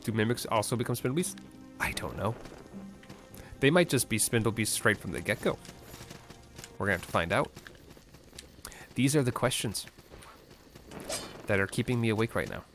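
A man's voice: lowish voice, lively intonation, normal speed, long pauses, fairly bright tone. A man streaming a game live, chatting with viewers between wry reactions to the gameplay. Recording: game music playing behind the voice. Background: game music.

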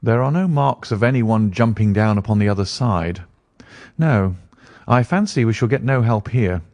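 A man reading as a brisk, commanding detective. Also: lowish voice, animated, darkish tone, dry recording. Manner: brisk and insistent. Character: sharp, commanding male detective.

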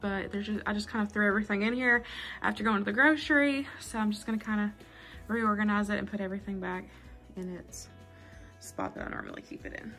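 Soft background music plays as a woman from the Southern United States chats her way through her home cooking and cleaning routine in a casual voice-over. Her mid-range voice is brisk, and her explaining feels homey and relaxed.

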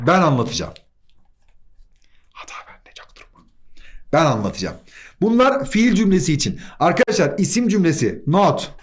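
Lively, high-voiced man teaching grammar. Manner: quizzes himself in quick question-and-answer steps; playful asides. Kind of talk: exam-prep grammar lesson.

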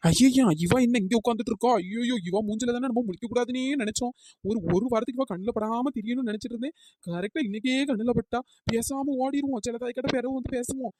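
Cartoon village woman, scared and pleading, fast and higher-voiced, played by a woman. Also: mellow, no room sound, natural voice. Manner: fearful, pleading village chatter with drawn-out calls. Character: frightened village woman Chinnaponnu, fearful and whiny. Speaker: cartoon character. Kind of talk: cartoon comedy dialogue.

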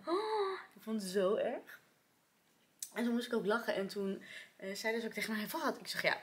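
A woman's voice: medium pitch, a bit bright, a little hiss or hum. A young woman chatting casually in a vlog from her office, telling a story with lots of fillers and sometimes dropping to a whisper. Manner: chatty, many fillers, drops to whispers at times. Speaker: vlogger.

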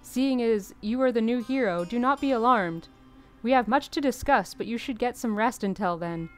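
Woman as a composed cult leader in a game, measured and formal, music underneath. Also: fairly high pitch, lightly acted. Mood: calm, grave. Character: calm, solemn cult leader speaking to a newcomer. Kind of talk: reading game dialogue in character. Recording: music behind the voice.

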